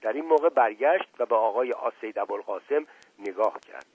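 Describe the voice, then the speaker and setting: A man's voice: mid-range voice, expressive. A man reading a novel aloud, narrating steadily as an audiobook reader. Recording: husky voice over tinny phone-like band, dry.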